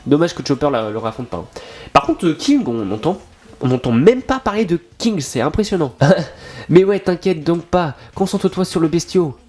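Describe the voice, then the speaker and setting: Excitable young man streaming a reaction. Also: moderate pace. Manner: excitable, swears often, breaks into laughs and sudden high exclamations. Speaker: streamer reacting to an anime episode. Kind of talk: casual live reaction commentary. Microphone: desk microphone.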